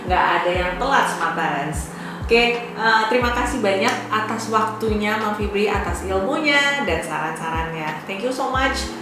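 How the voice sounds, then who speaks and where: A woman's voice: medium pitch, lively intonation, moderate pace. A woman hosting an interview, answering with brief affirmations and closing with an upbeat sign-off. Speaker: host. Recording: echoey room with music behind.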